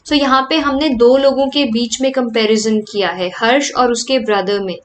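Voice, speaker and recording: A woman teaching a grammar lecture, reading example sentences slowly and then explaining them more quickly in Hindi. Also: on the high side, fairly even intonation, a little hiss or hum.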